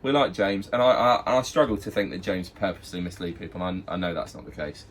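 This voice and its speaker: A man with a slightly low voice gives a blunt, exasperated critique in a casual magic review. A faint hiss sits under his voice throughout. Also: fast talker. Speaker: magic shop review co-host.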